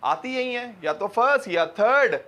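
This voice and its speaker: A man with a high voice teaching grammar in a classroom full of students. He quizzes the class and repeats his examples. He teases the students in a joking way. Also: lively intonation, unhurried, pushed and bright. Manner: joking, teasing. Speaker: English teacher.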